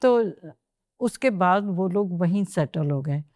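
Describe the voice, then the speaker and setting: Low, mellow-voiced woman telling a story. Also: lively intonation, no room sound, clean studio sound. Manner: unhurried, mixes English phrases into Hindi. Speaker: guest. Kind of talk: storytelling in a podcast interview.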